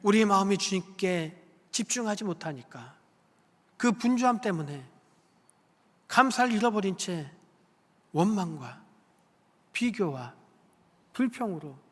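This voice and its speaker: A man's voice: sits high, animated, a little slow, long pauses, a bit bright. A male pastor preaching a sermon with emphasis, putting questions to the congregation. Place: church sanctuary. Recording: long church hall reverb.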